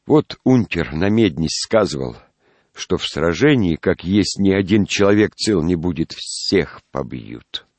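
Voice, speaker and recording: A man's voice: deep voice, very animated, measured pace, darkish tone, no room sound, heavily acted. A man reading a storybook aloud, playing a jealous, bitter young peasant recruit who talks in a sulky, trembling way.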